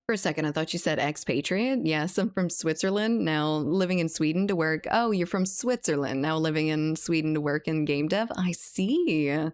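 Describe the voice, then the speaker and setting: A woman with an American accent chatting casually with viewers as a game livestreamer, reading comments aloud. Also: sits low.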